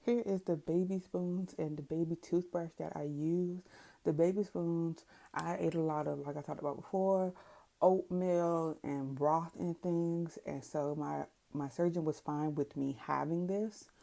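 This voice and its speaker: A woman's voice: low-pitched, steady tone, unhurried, vocal fry, mellow. A woman talking casually as a vlogger, explaining and recommending things in a conversational way. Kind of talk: casual product recommendation vlog.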